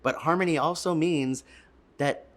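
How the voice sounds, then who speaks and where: With a mid-range voice at normal speed, a co-host of storytime talks straight to young listeners, reading aloud and explaining expressively while elongating words to emphasize them.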